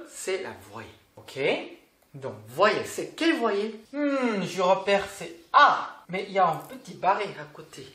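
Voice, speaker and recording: A slow, patient language teacher from South Korea, a native Korean speaker, gives an online lesson in a medium-pitched, fairly bright voice. She repeats sounds and checks in often. There's a roomy echo.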